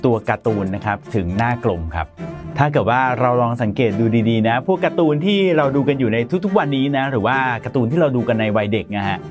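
Speaking quickly in an animated, mid-range voice, a thirtysomething presenter delivers an explainer to camera over background music. He's polite and chatty, sprinkling in soft particles, and uses a lapel mic in a bright studio with a plain grey backdrop.

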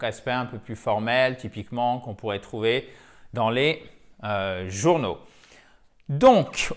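A man teaching an English grammar point in a video lesson, explaining patiently and checking in often with his viewers. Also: medium pitch.

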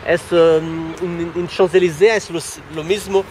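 Portuguese guy, fairly high voice, halting, keeps restarting, street noise. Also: little pitch movement. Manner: halting, searches for words, many restarts. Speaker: guest. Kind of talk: casual chat. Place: city street outdoors. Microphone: handheld camera close up.

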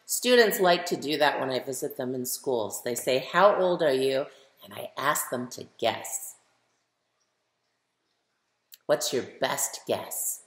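Her pitch is extremely low and her reading unhurried yet expressive as this fifty-year-old woman shares a picture book with young listeners, questioning and emphasizing as she goes. A children's author, she records in her home living room on a webcam with roomy indoor echo.

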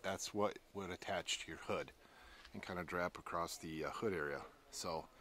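A man's voice: low-pitched, fairly bright tone, a little hiss or hum. A man giving a casual outdoor walkaround, explaining trailer gear step by step at a wooded campground. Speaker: trailer review vlogger.

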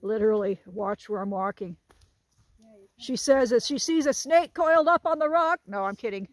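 With her phone out on a hilltop trail, a hiking vlogger in her sixties chats to the camera as her group walks. Her fairly high voice moves at normal speed, punctuated by jokes and frequent laughter, with no echo.

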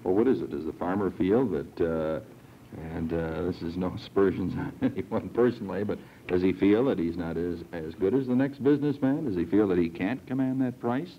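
A man's voice: low voice, normal speed, a little hiss or hum. A young man hosting a TV panel, asking long, hesitant questions at a studio desk microphone, with old film sound. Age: young adult. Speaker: host. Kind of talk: TV panel discussion. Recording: dull 1960s TV film sound.

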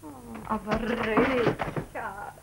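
A tender, pleading young singer. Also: female voice, on the high side, fairly even intonation, drawn-out words, heavy background noise. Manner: pleading, tearful, affectionate. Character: young female stage singer, tender and evasive. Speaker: theatre singer under contract. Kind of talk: 1939 film drama acting.

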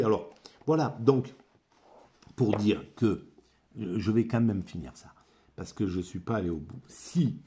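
Halting, mellow-voiced French man musing. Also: deep voice, breathy edge. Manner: halting, many repeated words and restarts. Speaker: amateur philosophy vlogger. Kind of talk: rambling spoken monologue.

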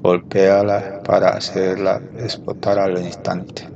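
A young man mutters his way through a game, swearing under his breath and puzzling aloud. His voice sits low and stays flat. Loud game sound plays behind him in a small room at home. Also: a little slow, gravelly, dull audio, very noisy. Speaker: gameplay streamer. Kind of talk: casual let's-play commentary.

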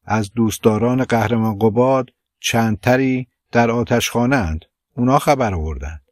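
A man reading the part of an anxious young man in an audiobook, speaking hushed and slow. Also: mid-range voice, dry recording, studio quality, natural voice. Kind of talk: audiobook character voice.

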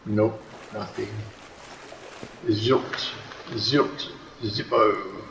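Gravelly man muttering through a game. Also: lowish voice, steady tone, drawn-out words, a bit bright, roomy sound, muffled recording, a little hiss or hum. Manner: muttering to himself, dry grumbling. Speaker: gameplay commentator. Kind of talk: casual gameplay commentary.

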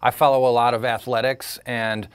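A man's voice: mid-range voice, little pitch movement, moderate pace, background noise. A man hosting a health show, chatting casually and describing what he feels. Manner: curious and upbeat, describes sensations aloud. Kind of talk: casual on-site chat.

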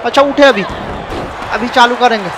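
A man giving excited, casual commentary over a wrestling video game and often shouting. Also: extremely high pitch, moderate pace. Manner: excitable, shouts often, calls people bhai. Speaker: gameplay commentator. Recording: noisy background with crowd sounds. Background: video game arena crowd and noise.

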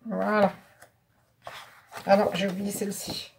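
A woman's voice: mid-range voice, little pitch movement, a little slow, vocal fry, slight background noise. Chatty French woman showing papers. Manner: chatty, thinking aloud with fillers and asides. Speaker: craft vlogger showing a haul. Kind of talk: casual show-and-tell.

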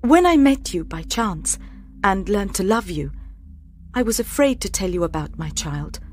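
A woman voicing a proud young wife and mother who pleads with feeling, in an audiobook drama with soft music behind. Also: mid-range voice, very animated, moderate pace, natural voice. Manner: pleading, emotional delivery.

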